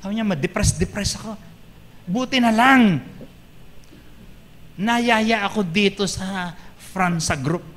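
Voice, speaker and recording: A man preaching as a pastor, lively and joking, often calling out to the congregation for an "Amen.". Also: high voice, takes it slowly, long pauses, big-room sound. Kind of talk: sermon. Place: church hall.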